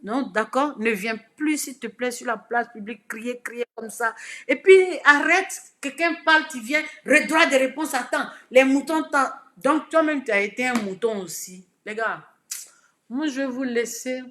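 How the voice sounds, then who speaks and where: A woman with an Ivorian accent giving advice straight to camera. She swings from shouting to soft, low pleading and repeats words for emphasis. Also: a little slow. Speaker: political social media commentator. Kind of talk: direct-to-camera message.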